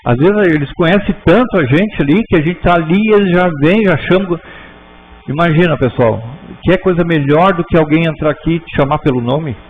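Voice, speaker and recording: A man gives an informal class to a room of students, talking conversationally with frequent "né?" tags and halting restarts. His voice sits somewhat high for a man. The sound is thin and tinny, as if over a phone line, with a faint hum behind it. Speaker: spiritist school teacher. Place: spiritist center auditorium.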